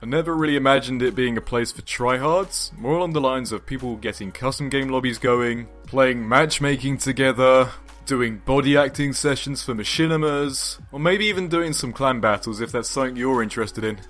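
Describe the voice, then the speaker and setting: A man's voice: medium pitch, normal speed, fairly bright tone, soft background music. A man in his twenties hosting a gaming channel, answering viewer questions in an upbeat, casual vlog voice-over with joking asides. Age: 20s. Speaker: YouTube gaming channel host.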